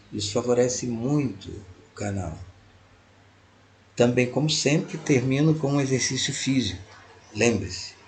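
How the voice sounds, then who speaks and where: A man, teaching in a slow, deliberate way and repeating each phrase. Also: medium pitch, creaky, slight background noise. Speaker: language teacher. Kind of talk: multilingual lesson.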